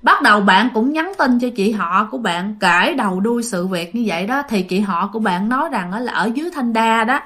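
A woman's voice: a little high, expressive, fairly quick, few pauses, fairly bright tone. Chatty woman telling ghosts. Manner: chatty, informal, addresses listeners directly. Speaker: storyteller. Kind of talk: ghost story narration.

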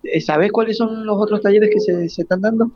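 Speaking with a high-pitched, steady and slightly mellow voice at a brisk pace, an Argentine radio host conducts a casual live interview. His questions come out hesitantly, with repeated false starts. There's no room sound, though the lo-fi live audio is a bit dull.

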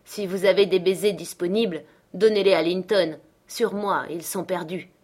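A woman's voice: lowish voice, fairly even intonation, moderate pace, darkish tone, natural voice. A woman reading as a sardonic, bitter older man. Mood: curt. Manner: curt and sardonic. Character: bitter scornful middle-aged man, gruff landlord. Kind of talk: audiobook character reading.

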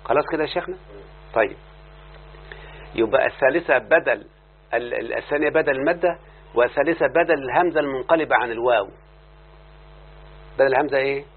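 A man's voice: medium pitch, quick pace, pauses often, husky. A man with an Egyptian Arabic accent teaching a class, constantly quizzing his listeners and prompting them to answer. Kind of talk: classroom lesson. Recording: tinny lo-fi recording with faint hum.

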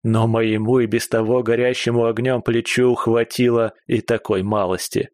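A man narrating a first-person audiobook in a steady, even reading voice. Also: medium pitch, moderate pace, dry recording, clean studio sound.

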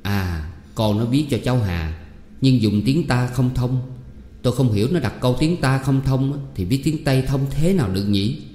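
A man's voice: mid-range voice, expressive, moderate pace, mellow, slight background noise, close to an everyday voice. A man voicing a mother who questions her son and mildly reproaches him, in a storybook reading. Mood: reproachful. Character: puzzled, gently scolding mother. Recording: reverberant hall with faint music.

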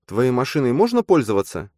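A man's voice: medium pitch, wildly swooping pitch, fairly quick, dry recording, clean studio sound, pitched above the performer's own voice. A man voicing a furious, scornful young woman who scolds her fiancé, in an audiobook. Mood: cold scorn. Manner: shouting, contemptuous, scolding. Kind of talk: audiobook character voice.

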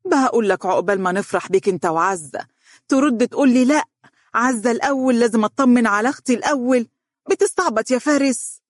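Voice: medium pitch, expressive, racing, darkish tone, husky, dry recording, studio quality. A narrator voicing a fussy, middle-aged mother who scolds her son, with an Egyptian accent. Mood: reproachful. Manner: reproachful, emotional.

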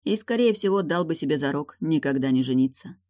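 A reader narrating a romance novel in an even, steady storytelling manner. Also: mid-range voice, a little fast. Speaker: audiobook reader. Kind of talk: scripted narration.

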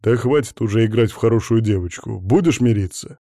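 A man's voice: fairly low pitch, fairly quick, dark tone, no echo, clean studio sound, lightly acted. A man reading an audiobook, voicing a short-tempered fighter husband who talks curtly and with irony. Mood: ironic. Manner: curt, ironic.

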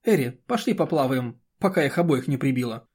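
A man's voice: medium pitch, animated, a little fast, husky. A man reading an audiobook, voicing an exasperated woman who scolds her husbands. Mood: yelling. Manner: sharp, scolding, shouting at times.

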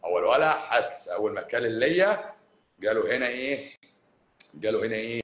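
A man with a Cairene Egyptian accent, a doctor hosting a live stream, talking casually to viewers. He is animated, scolding and joking with them. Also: on the low side, a little fast. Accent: Cairene Egyptian Arabic. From Egypt, Cairo. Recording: roomy echo, faint background noise.

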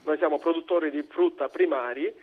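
A man with a Sicilian accent giving unscripted interview answers, haltingly searching for his words. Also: on the high side, steady tone. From Sicily, Italy. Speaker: interview guest, fruit producer. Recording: narrow tinny phone-like line.

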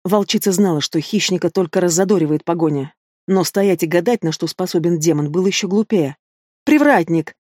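An audiobook narrator reading a fantasy novel in a steady, even storytelling manner. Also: mid-range voice, brisk, no echo, clean studio sound.

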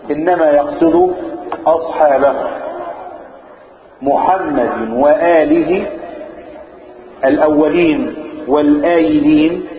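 A man with a slightly high voice and an Egyptian Arabic accent teaches a lesson, quizzing his listeners and answering himself, and stretches out words when quoting. The sound is narrow and phone-like, caught in an echoey room with a crowd of listeners heard behind him. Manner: draws out words slowly when quoting the text. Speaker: sheikh teaching Quran recitation rules. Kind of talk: classroom lesson explaining verses.

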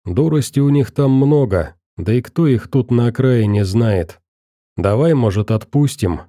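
A young survivor of the underground pleads and argues with firm, insistent conviction, as a male narrator puts him on. His voice is very dark and mellow. The sound is close and dry. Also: mid-range voice, animated, a little slow, no echo, natural voice. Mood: earnest. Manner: earnest, insistent. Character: young male metro survivor, persuasive and earnest.

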